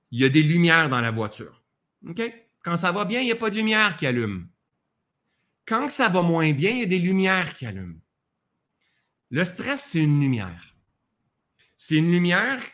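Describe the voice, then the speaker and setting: A man's voice: fairly high pitch, pushed and bright. A man with a Québécois accent teaching a live masterclass in a conversational way, breaking off for joking asides about himself. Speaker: personal development speaker.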